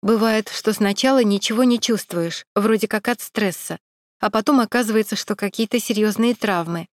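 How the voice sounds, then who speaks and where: A woman's voice: mid-range voice, normal speed, no echo, studio quality, natural voice. A woman voicing a young female coworker who speaks with insistent, know-it-all authority.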